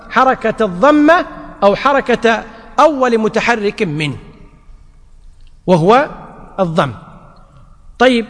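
A man's voice: very high voice, a bit bright. A man teaching grammar to a class. He repeats his points and keeps checking whether his listeners follow. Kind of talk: classroom lecture. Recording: long reverb of a large hall.

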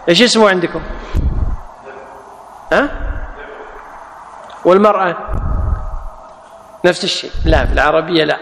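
A man's voice: high-pitched, fairly bright tone. A man teaching classical grammar, explaining each word, repeating it and quizzing his students. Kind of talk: classroom lecture with questions to students. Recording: echoey hall with long reverb.

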